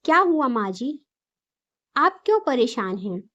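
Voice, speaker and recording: A gentle young daughter-in-law, as a woman reading a story puts her on, soft and pleading in a high, slow voice. The sound is slightly dull and lo-fi. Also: very animated, exaggerated voice.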